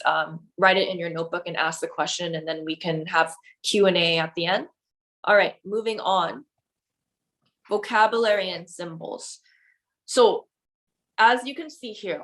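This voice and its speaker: A woman's voice: medium pitch, fairly bright tone. A woman piano teacher giving a music theory lesson to her students, explaining patiently and checking in often with "okay?" and "right?".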